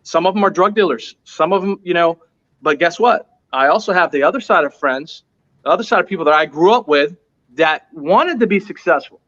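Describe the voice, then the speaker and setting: The same kind of guest, a high-pitched American restaurant owner, tells an earnest motivational story, expressive, fairly quick, and a bit bright. He stresses his points by repeating them emphatically, and the lo-fi audio sounds muffled.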